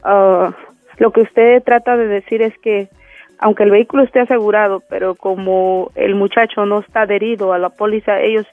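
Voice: mid-range voice, level tone, moderate pace, no room sound. A caller asking questions on a radio show, hesitant and searching for words, over a phone line. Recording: tinny phone line with faint music.

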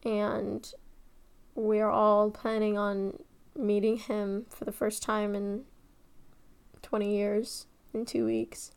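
A young woman telling a personal family story, emotional and shifting between hushed and excited. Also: mid-range voice, slow, smooth. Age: young adult.

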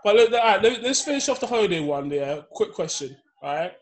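Man, London roadman accent, fairly high voice, slangy, casual, steering a group conversation. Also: lively intonation, fairly quick. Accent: London, urban street slang. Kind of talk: casual podcast group chat.

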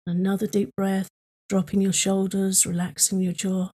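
A woman leading a guided tapping meditation for sleep, speaking in slow, soothing, repetitive prompts. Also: medium pitch, completely flat delivery, warm tone, breathy edge.

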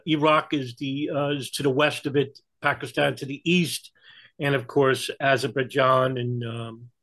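A man's voice: medium pitch, a bit bright. Male commentator, New York accent, conversational explainer with hesitant, stop-and-start delivery. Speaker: interview guest giving political and historical commentary.

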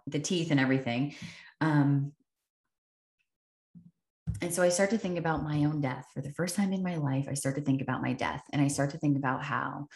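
A woman hosting a podcast, telling a personal story in an earnest, reflective way and repeating phrases for emphasis. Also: low voice. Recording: echoey room.

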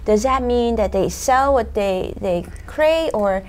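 A woman's voice: a little high, lively intonation, slow. A woman hosting an interview show, asking her guest eager, enthusiastic questions. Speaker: show host.

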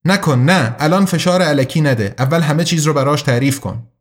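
A man doing a hushed secretive young woman. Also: fairly high pitch, lightly acted. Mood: firm. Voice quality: hushed, muffled behind hand.

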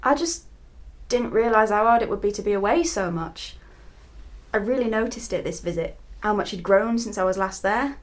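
A woman's voice: mid-range voice, expressive, normal speed, natural voice. A British woman playing a homesick, tender mother working far from her family in an audio drama. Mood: tearful, homesick.

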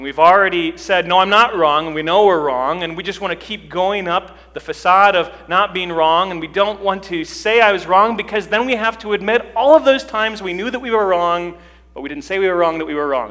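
Male pastor, bright higher voice, long church reverb, conversational preaching. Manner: conversational preaching, rising emphasis. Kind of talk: sermon. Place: church sanctuary.

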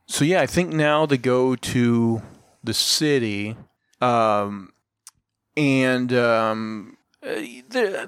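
A man's voice: mid-range voice, clear, resonant tone, no room sound, clean studio sound. A man co-hosting a casual film review podcast, retelling the plot in a rambling way with lots of fillers and restarts. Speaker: podcast co-host.

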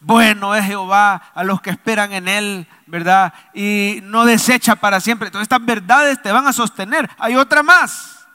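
A man's voice: high-pitched, normal speed, bright, forceful tone, in a large hall. A man preaching a sermon, leading the congregation to repeat after him and acting out the voices in his stories. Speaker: pastor. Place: church.

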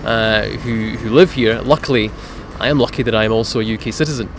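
Born in Italy and raised in Scotland from age seven, this parliamentary candidate speaks quickly in a fairly low voice. He gives earnest political answers during an interview, with noisy surroundings behind him.

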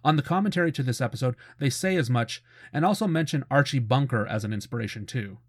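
A middle-aged man hosts a cartoon retrospective show, offering casual, informative commentary with a fan's chatty enthusiasm. His mid-range voice is expressive and fast, recorded close and dry at studio quality with no echo.

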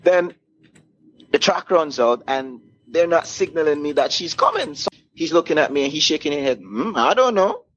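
Animated and somewhat high-pitched, this Caribbean DJ speaks at a moderate pace as he shares relaxed stories during an interview, voicing the other characters himself. The audio sounds muffled, captured in a clearly noisy room.

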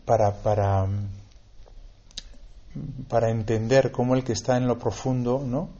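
A man's voice: mid-range voice, steady tone, a little slow, mellow. A man from giving a conversational homily, with many tag questions and repeated words. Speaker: priest. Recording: dull lo-fi recording.

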